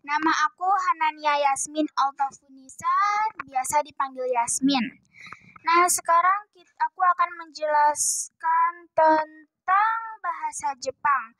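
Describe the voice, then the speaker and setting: A woman's voice: high-pitched, dry recording. A woman giving a casual lesson from a book, chatty and hesitant with many fillers. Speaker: self-taught language learner teaching viewers.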